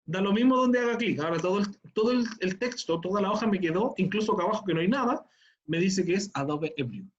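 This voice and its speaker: A man's voice: high-pitched, lively intonation, quick pace, dull audio. A man teaching an online class. He explains things patiently step by step and often checks in with "¿ya?".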